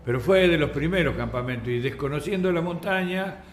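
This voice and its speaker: An older man with an Argentine accent, a radio guest telling anecdotes in a lively way and acting out the voices in his stories. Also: on the high side, a little fast. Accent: Argentine Spanish. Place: radio studio. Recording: roomy radio studio with faint music.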